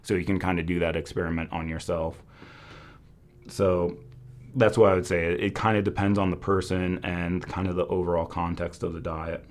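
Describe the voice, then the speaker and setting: A man's voice: low-pitched, level tone, normal speed. A man hosting a casual live question-and-answer session, thinking aloud and qualifying what he says. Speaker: host of a Chinese medicine Q&A.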